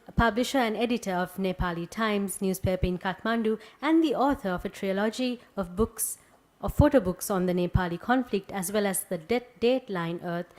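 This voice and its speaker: A woman's voice: mid-range voice, darkish tone. A woman with a Sri Lankan accent reads a formal introduction as master of ceremonies.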